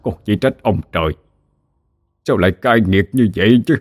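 A man voicing a dying old grandmother in a ghost story, in a soft, weary, slow voice. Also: lowish voice, dry recording, clean studio sound, faint music behind, lightly acted. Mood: remorseful. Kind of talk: audiobook character reading.

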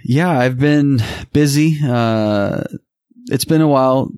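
A man's voice: mid-range voice, slow, darkish tone, clean tone, no echo. A man co-hosting a podcast, chatting casually and telling personal stories. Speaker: podcast co-host. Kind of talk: casual chat and personal storytelling.

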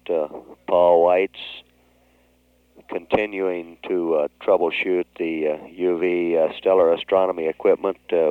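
A very deep, smooth male voice comes through a thin, phone-like space-mission radio link. He announces mission status in a measured way, pausing often on fillers. The sound is dry and close, with no room around it. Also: no echo. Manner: measured, hesitant with frequent "uh" pauses. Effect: tinny narrowband space-mission radio transmission. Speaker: mission control commentator. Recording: dry, tinny radio-band archive recording.

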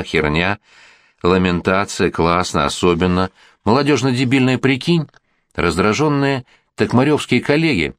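A man narrating an audiobook in an expressive, ironic reading. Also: lowish voice, dry recording, clean studio sound.

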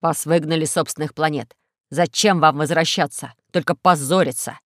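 A woman voicing a proud, stubborn male inspector with a firm, low manner. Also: normal speed, a bit bright, dry recording, studio quality.

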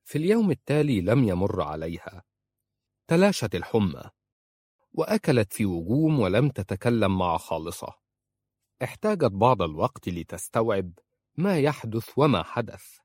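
A man narrating a novel in a measured, sober storytelling voice. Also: fairly low pitch, sing-song, a little mellow, slightly rough, no room sound. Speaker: audiobook narrator.

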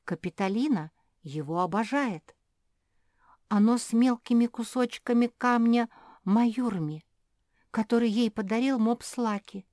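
A woman's voice: a little high, unhurried, darkish tone, no echo, studio quality, voice pushed up, natural voice. A woman reading aloud and voicing a thoughtful, reasoning pug sister. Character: thoughtful sensible eldest female pug.

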